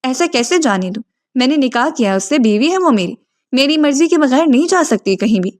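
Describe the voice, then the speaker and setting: A woman's voice: high-pitched, lightly acted. A woman voicing a possessive, impatient young husband in a storybook reading. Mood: insistent.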